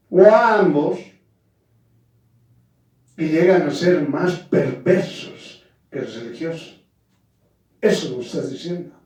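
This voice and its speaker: A man's voice: fairly high pitch, dark tone. A man preaching a sermon and speaking firmly, often addressing his listeners directly. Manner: addresses listeners as "hermano", firm emphatic preaching. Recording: very echoey, from far off the mic.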